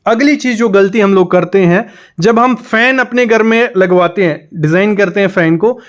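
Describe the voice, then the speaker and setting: Man, high-pitched, instructional, direct, home design tips. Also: normal speed, dull audio. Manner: direct, advice-giving, talks straight to the viewer. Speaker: interior design advisor.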